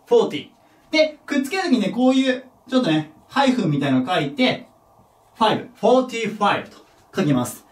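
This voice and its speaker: Guy teaching english at a board, high lively voice, patient, bit far off the mic. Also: quick pace. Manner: patient, step-by-step, checks in with "right?"; self-deprecating about his own mistake. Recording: echoey room, voice from off the mic.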